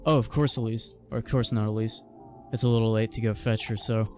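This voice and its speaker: A man's voice: on the low side, steady tone, fairly quick, faint music behind, close to an everyday voice. A man voicing a cheerful, teasing village father as he reads video game dialogue aloud.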